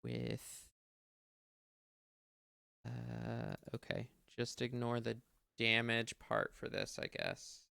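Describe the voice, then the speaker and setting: A man's voice: medium pitch, monotone, very slow, vocal fry, pauses often, pushed and bright, smooth, no echo. A man running a tabletop game as game master, hesitant and thinking aloud with many fillers.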